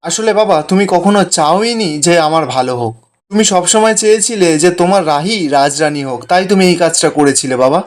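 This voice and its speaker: A woman's voice: lowish voice, normal speed, natural voice. A man voicing a bitter young woman, a wronged younger daughter accusing her family. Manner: accusing, defiant.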